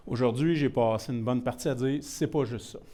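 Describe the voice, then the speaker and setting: A presenter from Quebec runs a technical security workshop, speaking Québécois French at a brisk pace with a mellow, medium-pitched voice. He's casual and self-deprecating, restarting often and mixing in English words.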